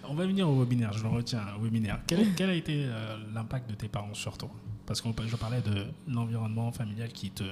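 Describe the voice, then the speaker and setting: Fast-talking man hosting a podcast. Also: medium pitch, crowd noise. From France. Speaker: podcast host. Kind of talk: conversational podcast interview. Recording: reverberant room with faint noise.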